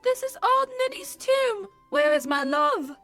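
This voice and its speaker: A woman's voice: extremely high pitch, big pitch swings, measured pace, fairly bright tone, soft background music, heavily acted. A young woman playing a gushing, lovestruck maiden in a radio play of Shakespeare, with exaggerated, sweet declamation. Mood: searching. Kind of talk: 1940s radio play acting of Shakespeare verse.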